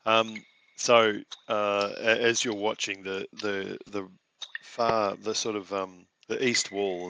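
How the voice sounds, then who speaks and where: A man's voice: low-pitched, gravelly, pushed and bright, a little hiss or hum. A man running a tabletop game as game master, narrating hesitantly with frequent fillers. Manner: hesitant, with many fillers and restarts. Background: music.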